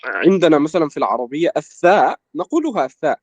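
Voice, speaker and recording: A young man from Egypt, a language student in an interview, explaining at a measured pace with lots of filler words. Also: a little high, big pitch swings, dry recording, muffled recording. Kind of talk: casual conversation in formal Arabic.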